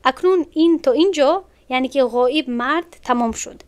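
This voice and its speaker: Patient and methodical, a woman teaches Arabic grammar over the internet in Tajik-accented Persian, repeating words slowly as she goes. Her voice is high-pitched.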